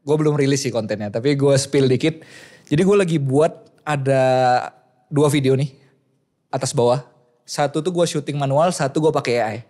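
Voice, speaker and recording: A man's voice: mid-range voice, moderate pace, mellow. A young man, a content creator, explaining things patiently step by step in a casual chat.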